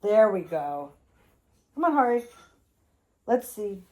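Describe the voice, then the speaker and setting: A woman's voice: mid-range voice, big pitch swings, slow pace, muffled recording. A woman vlogging casually as she shows off her crystals, gushing and exclaiming, swearing often and speaking straight to her viewers. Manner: addresses viewers directly and calls the crystals she or baby. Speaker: crystal shop owner and vlogger. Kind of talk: casual show-and-tell vlog.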